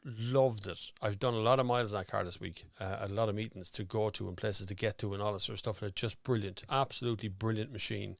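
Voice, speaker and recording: Gravelly low-voiced Irish man chatting. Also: dry recording. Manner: chatty, rambling, fixing his audio on air. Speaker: host. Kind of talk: casual live-stream chat. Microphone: studio microphone with headphones.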